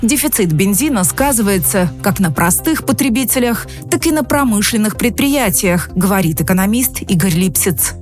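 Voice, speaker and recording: A woman reading scripted news as a radio anchor in a clear, measured way. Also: mid-range voice, expressive, darkish tone, faint music behind.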